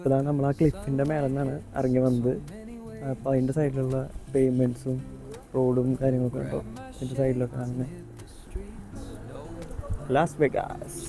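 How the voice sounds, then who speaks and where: A man's voice: medium pitch, completely flat delivery, normal speed, gravelly, pauses often, music in the background. A Malayali man chatting casually to his travel vlog viewers, dropping English words and phrases into his Malayalam. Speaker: travel vlogger. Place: outdoors at a pool and streets.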